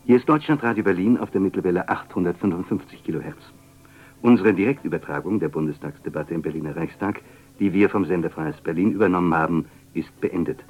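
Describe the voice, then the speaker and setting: A man's voice: low voice, fast. A man making a formal station announcement, heard over AM radio. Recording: tinny, distant AM radio broadcast.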